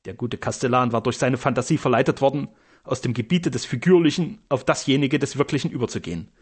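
A man reading a story aloud as narrator, with expressive storytelling. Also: mid-range voice, quick pace, breathy edge. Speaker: audiobook narrator. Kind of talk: scripted narration.

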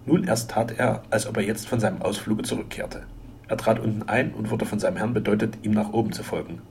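A man narrating a classic adventure novel in a measured, even-paced reading. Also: on the low side, slight background noise. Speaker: audiobook narrator. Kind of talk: scripted storybook narration.

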